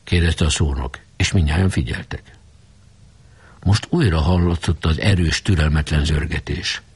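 A man reading a novel aloud with expressive storytelling. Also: extremely low pitch, husky. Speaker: audiobook reader. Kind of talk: scripted narration.

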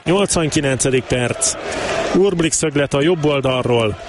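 A man giving excited Hungarian sports commentary on a football match, breaking into shouted, drawn-out calls. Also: mid-range voice. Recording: clear outdoor stadium background noise.

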